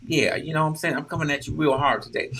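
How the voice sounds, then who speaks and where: A man's voice: on the high side, fast, fairly bright tone, breathy edge. A man, a relationship coach talking straight to his audience in an emphatic, preachy way, firing off repeated rhetorical questions. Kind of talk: direct-to-camera talk.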